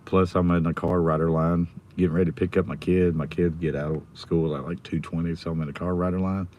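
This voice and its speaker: An American man with his voice nearly gone, chatting casually and quietly as a livestream host while sitting in a car. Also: low voice, level tone, fairly quick, dull audio. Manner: subdued, holding the volume down. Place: inside a car in a school pickup line. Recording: noticeable background noise in a car.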